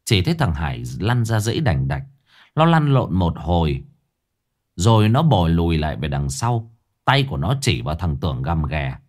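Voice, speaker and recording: Lively low-voiced male storyteller. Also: normal speed. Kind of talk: spooky folk tale narration.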